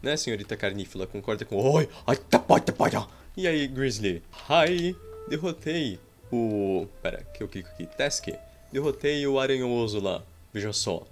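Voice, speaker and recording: A gaming YouTuber with a mid-range, expressive voice talks at a moderate pace with hardly any pauses. He gives playful, casual commentary over a game and adds his own combat sound effects. He's recorded on a desk mic in a small room at home.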